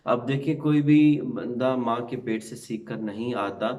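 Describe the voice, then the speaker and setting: A male Quran teacher giving a spoken lesson, reciting the Arabic letters slowly and drawn out, with English words mixed into his Urdu. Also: medium pitch, a little mellow, distant mic.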